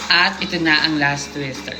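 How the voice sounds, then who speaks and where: A woman's voice: deep voice, normal speed, over music. A woman hosting a live stream, reading a viewer's submitted story aloud and breaking off to joke and comment on it. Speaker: livestream host reading viewer stories.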